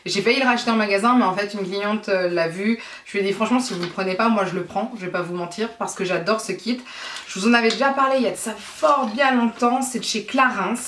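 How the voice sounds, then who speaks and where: A beauty vlogger talks quickly in a mid-range, fairly bright voice, enthusing over her purchases in a casual haul chat while rambling and fixing her own slips. She's away from the mic in an echoey room, with a little hiss or hum.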